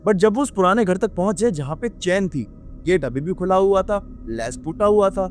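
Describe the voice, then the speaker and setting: A man's voice: expressive, moderate pace, slight background noise. A young man narrating a horror story in dramatic Hindi, acting out the characters' lines with his voice swinging up and down and sprinkling English words into his speech. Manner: acts out characters' lines with rising and dropping pitch. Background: faint background music.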